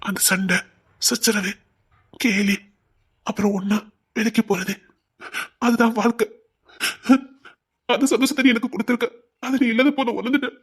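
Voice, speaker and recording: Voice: medium pitch, flat delivery, measured pace, pauses often, fairly bright tone, breathy edge. A performer playing a remorseful, short-tempered husband in an audio drama, apologetic and pleading, with a Tirunelveli Tamil accent. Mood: tearful.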